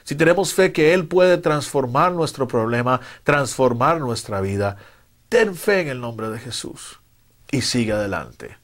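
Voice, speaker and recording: A man's voice: medium pitch, expressive, a little slow. A man preaching a sermon in a fervent, emphatic way, with some hesitant fillers between his points. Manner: fervent, rising to loud emphatic retellings.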